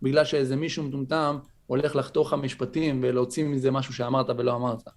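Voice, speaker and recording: A man's voice: mid-range voice, flat delivery. A man in a casual podcast discussion. He reasons his point through with many fillers. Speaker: podcast co-host.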